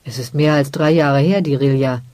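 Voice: mid-range voice, steady tone, moderate pace, mellow, no echo, lightly acted. A reader voicing a blunt, worldly older merchant who scolds his daughter. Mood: dismissive.

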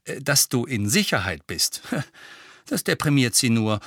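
A man voicing a calm, kindly middle-aged male wizard in an audiobook, speaking gently and reassuringly. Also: mid-range voice, measured pace, no room sound, studio quality, exaggerated voice. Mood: gentle. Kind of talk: audiobook character voice.

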